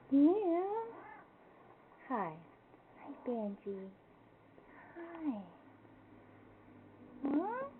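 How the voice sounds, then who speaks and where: Woman cooing baby talk to a pet. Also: on the high side. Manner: cooing, sing-song, repetitive. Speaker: pet owner. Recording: tinny phone-like audio, faint noise.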